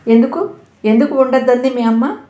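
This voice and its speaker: A woman's voice: a little high, moderate pace, darkish tone, reverberant, dull audio, natural voice. A woman voicing a stern, short-tempered schoolteacher who scolds her class sharply. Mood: scolding.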